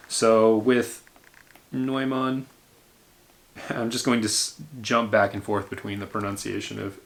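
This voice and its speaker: A man's voice: lowish voice, creaky, fairly bright tone. A man lecturing a university engineering class, explaining step by step with frequent fillers and restarts.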